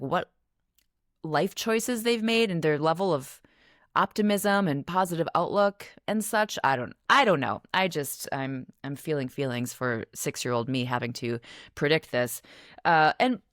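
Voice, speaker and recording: A woman's voice: deep voice, dry recording, studio quality. A young woman hosting her own podcast, talking casually and candidly, often laughing and swearing in passing. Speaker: podcast host. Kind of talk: casual solo podcast chat.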